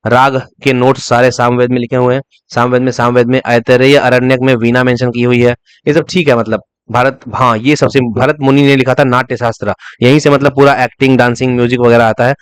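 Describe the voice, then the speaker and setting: Man, exam revision teacher, rapid delivery, dry close recording, repeats terms for memory. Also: medium pitch, little pitch movement, clean tone, no echo. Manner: repeats key terms as memory tricks, asks and answers his own questions; breaks into short sung snatches to illustrate. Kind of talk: fast revision lecture.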